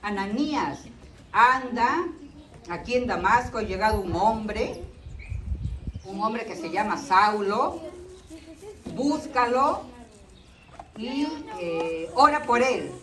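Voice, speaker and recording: A woman voicing a commanding divine man who calls from a bright light, giving firm, raised orders. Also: fairly high pitch, animated, slow, long pauses. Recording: echoey room from far off.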